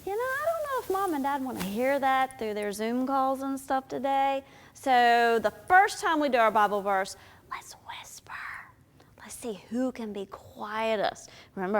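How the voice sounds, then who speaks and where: A woman with a high, bright voice leads children's Bible school craft time, upbeat and playful. Her voice rings with long echo, like a large hall. She talks straight to the kids. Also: expressive, moderate pace, few pauses. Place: church room.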